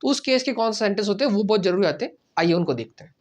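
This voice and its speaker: A man teaching a casual spoken language lesson, explaining step by step, repeating phrases slowly and often checking in with "right?". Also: high-pitched, lively intonation.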